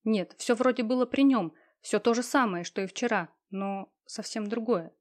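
A woman narrating an audiobook in a calm, even storytelling manner. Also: fairly high pitch, normal speed.

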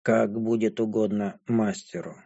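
A gloomy young dragon-woman speaks in a hushed, toneless murmur, as a male audiobook reader puts her on. Her voice sits low, dark and muffled. She drags out every word with cold indifference. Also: gravelly. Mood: flat detached. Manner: flat, indifferent, hushed and slow. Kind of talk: audiobook character voice.

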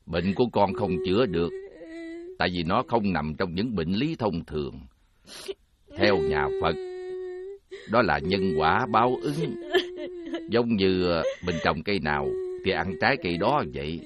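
A man playing a calm Buddhist monk who speaks measured and preaching. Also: deep voice, muffled recording.

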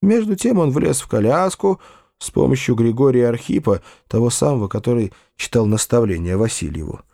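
Expressive male audiobook narrator. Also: medium pitch, brisk, vocal fry, no room sound, studio quality. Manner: expressive, hesitant in first-person dialogue. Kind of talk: audiobook reading of classic fiction.

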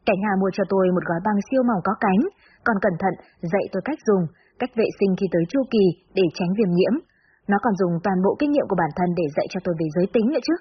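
Fast-reading woman storyteller. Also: mid-range voice, husky. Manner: steady first-person storytelling. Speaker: narrator. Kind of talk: audiobook story narration. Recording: slightly dull recording with faint hiss.

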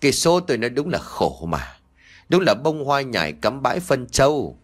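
A man's voice: mid-range voice, sing-song, moderate pace. A man voicing a greedy, spiteful village daughter-in-law who nags and scolds sharply in a storybook reading. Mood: self-pitying.

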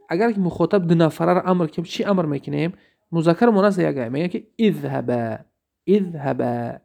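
A man with a Tajik Persian accent teaching grammar in a slightly high, gravelly voice. He moves through the rules step by step and keeps asking quiz questions to check that his listener follows. Example sentences come out slow and deliberate. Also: a little mellow. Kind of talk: recorded grammar lesson.

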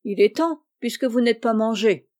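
A cold, unhurried blacksmith from a storybook tale, put on by a woman reader. He speaks matter-of-factly in a mellow tone. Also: fairly high pitch, expressive, lightly acted. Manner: cool and matter-of-fact.

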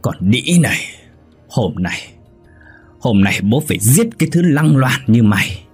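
A drunk, jealous brute of a husband, put on by a man reading the story. He snarls his curses, his voice pushed up high and loud, rough and husky around the edges. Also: big pitch swings, measured pace, soft background music. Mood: raging.

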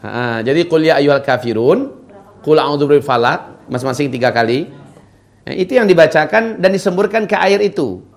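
A man's voice: on the high side, expressive, brisk. A middle-aged man giving an informal religious lecture. He answers questions from the audience and often speaks directly to the women listening. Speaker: Islamic preacher.

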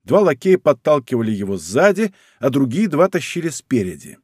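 A man narrating a historical adventure novel as an audiobook, with expressive storytelling. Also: mid-range voice, moderate pace, breathy edge, no echo, studio quality. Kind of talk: scripted narration.

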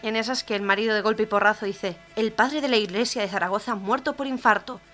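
A woman hosting a radio comedy show, telling jokes briskly and laughing at the punchlines. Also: medium pitch, fairly even intonation, a bit bright, faint music behind.

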